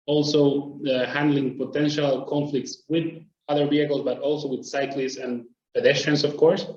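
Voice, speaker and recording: A man from Argentina, presenting a webinar in a steady, explanatory way. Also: medium pitch, normal speed, roomy sound, lo-fi sound. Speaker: traffic planner presenting.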